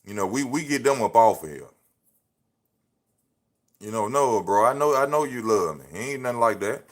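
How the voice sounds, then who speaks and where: Animated and mid-range, a man in his thirties speaks at a moderate pace while streaming from his phone. He gives casual pep talks packed with slang, circling back to his points like a preacher.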